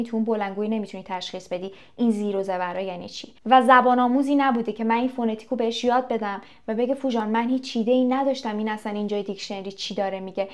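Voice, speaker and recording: Her voice sitting on the higher side, a young woman gives a casual English lesson on video, addressing the audience directly, quizzing them, and playing out short stories.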